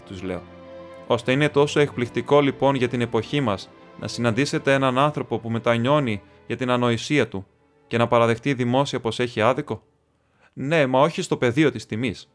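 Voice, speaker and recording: Man reading a novel over soft music. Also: mid-range voice. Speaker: audiobook reader.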